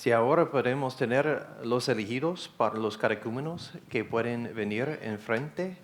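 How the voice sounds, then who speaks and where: A man's voice: mid-range voice, moderate pace. A man leading the liturgy at Mass, giving formal instructions and reciting prayer. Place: church during Mass.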